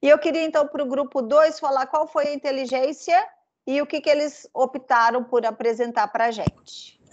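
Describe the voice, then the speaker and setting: A woman's voice: high-pitched, steady tone, normal speed, dull audio, a little hiss or hum. A woman with a Brazilian Portuguese accent teaching an online class, explaining patiently with many fillers.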